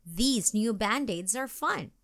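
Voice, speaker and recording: A woman's voice: fairly high pitch, animated, slow pace, a bit bright, heavily acted. A woman voicing a plucky, bragging little girl in a children's storybook read-aloud, with a bouncy, chirpy delivery. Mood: cheerful.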